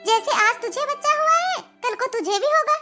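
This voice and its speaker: A woman voicing a patient middle-aged mother in a cartoon, calmly reasoning and coaxing her daughter. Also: very high voice, moderate pace, soft background music, full character voice. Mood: lecturing. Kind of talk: cartoon voice acting.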